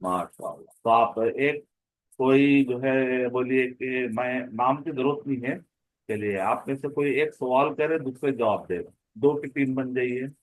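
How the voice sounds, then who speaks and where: A man's voice: mid-range voice, measured pace, dry recording, rough recording. A man teaching an online grammar class, explaining patiently, repeating points and asking rhetorical questions.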